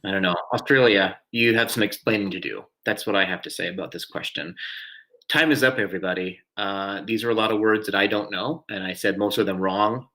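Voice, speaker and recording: A man's voice: fairly low pitch, a little fast, sharp tone, low-quality recording. Chatty self-mocking man hosting trivia. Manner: chatty and self-deprecating, frequent chuckles. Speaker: trivia host. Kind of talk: live-streamed trivia hosting.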